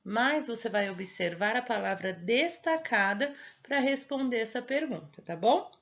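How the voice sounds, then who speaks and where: A woman's voice: a little high, expressive, unhurried, fairly bright tone. Patient Brazilian woman teacher, dull lo-fi audio. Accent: Brazilian Portuguese. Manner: patient, step-by-step explaining with frequent checking questions. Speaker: primary school teacher. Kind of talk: recorded homework instructions for young children.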